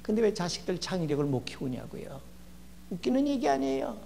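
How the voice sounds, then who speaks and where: A gravelly older man giving a lively, humorous lecture as a guest educator in a church. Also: high-pitched, a little fast, crowd noise. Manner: lively, acts out quoted people with shouting and laughs. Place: church hall. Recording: long church hall reverb, faint hum.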